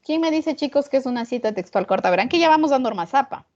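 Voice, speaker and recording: A woman gives an online punctuation lesson, her voice sitting a little high. She keeps asking her students rhetorical check questions as she explains. The audio is muffled and lo-fi, like a video-call class. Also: animated, fast, darkish tone. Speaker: teacher.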